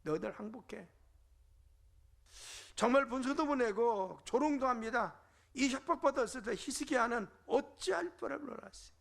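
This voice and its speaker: A man's voice: extremely high pitch, lively intonation, moderate pace, creaky. A middle-aged male pastor preaching a fervent sermon in a church, asking rhetorical questions and answering them. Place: church sanctuary.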